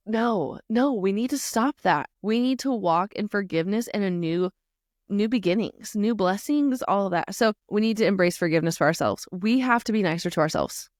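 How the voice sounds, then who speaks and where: Chatty woman with a low voice. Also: no echo, clean studio sound. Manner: chatty and animated, lots of "like" and self-talk asides. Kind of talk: casual faith talk to moms.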